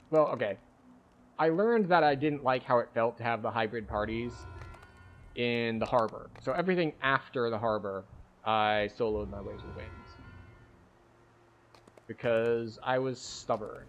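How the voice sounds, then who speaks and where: A man's voice: medium pitch, highs cut off, slight background noise. A man giving casual gaming commentary and chatting with viewers in a rambling, wry, self-deprecating way. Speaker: game streamer.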